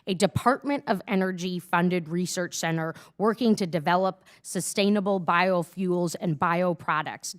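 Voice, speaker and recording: A woman chairing a congressional hearing, reading out formal witness introductions in a steady way with small stumbles. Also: mid-range voice.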